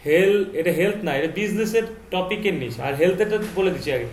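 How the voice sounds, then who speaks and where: High-voiced male tutor in an echoey room. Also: expressive, fairly quick. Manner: prompting, questioning, correcting pronunciation. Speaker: teacher. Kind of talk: tutoring lesson, quizzing a learner. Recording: echoey room with faint noise.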